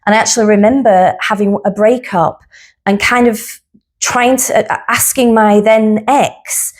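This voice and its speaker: A woman's voice: medium pitch, steady tone, unhurried. A woman psychotherapist, a guest on the show, talking candidly and reflectively about her own life. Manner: earnest, candid storytelling. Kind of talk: personal reflective conversation.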